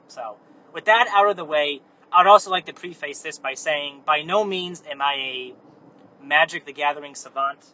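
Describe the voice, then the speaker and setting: A man's voice: on the high side, bright, forceful tone. A man hosting a casual, meandering, unscripted monologue, recorded on his phone while driving. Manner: casual, meandering, self-correcting. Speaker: host. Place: inside a car. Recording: muffled phone recording in a car with faint road noise.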